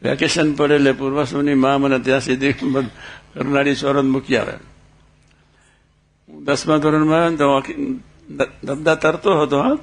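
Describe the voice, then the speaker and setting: A man speaks in a mid-range, level tone at a moderate pace. As a religious speaker, he shares personal stories in a sermon, acting out dialogue and asking listeners questions.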